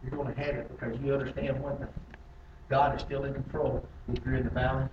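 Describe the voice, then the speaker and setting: A man preaching a sermon as pastor, swinging between loud emphatic stretches and low, quiet ones. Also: level tone, fast talker, muffled recording, noisy background. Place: church sanctuary. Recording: echoey church from a distance.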